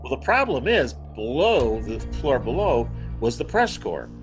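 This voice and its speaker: A man's voice: medium pitch, unhurried, faint music behind, low-quality recording. A man who is a guest author, telling a story animatedly over a video call. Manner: animated storyteller, acts out quotes. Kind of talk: conversational storytelling.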